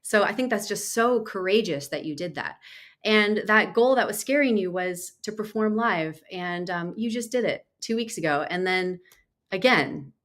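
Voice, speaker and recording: A woman hosting a livestream interview over a video call, effusive and excitable in her praise. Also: medium pitch, moderate pace. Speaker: host and music mentor.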